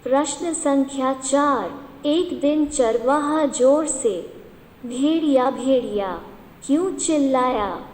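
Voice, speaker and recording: A woman teacher with an Indian accent, dictating questions to a class slowly and repeating each one several times. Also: high-pitched, darkish tone. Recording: echoey room with long reverb.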